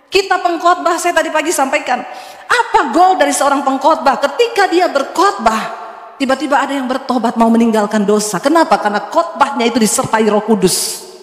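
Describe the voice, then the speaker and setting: Lively woman pastor preaching in echoey hall. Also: sits high. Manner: lively storytelling with humor and acted dialogue. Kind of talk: sermon. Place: large church hall.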